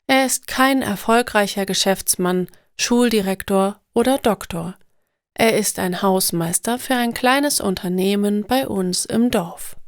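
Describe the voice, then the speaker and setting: A woman narrating stories for language learners in a slow, clear, deliberate scripted reading. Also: medium pitch, dry recording, clean studio sound.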